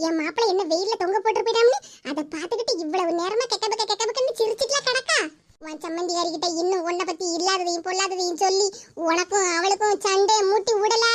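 Geetha, a shrill scheming village gossip. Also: female voice. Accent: Tirunelveli Tamil. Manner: sing-song teasing gossip. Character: scheming gossipy village woman, sharp-tongued and mocking. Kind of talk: cartoon voice acting.

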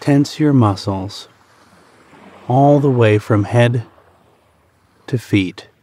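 Here a warm-toned man with a mid-range voice narrates a guided meditation. His delivery is calm and measured, broken into short phrases with pauses in between.

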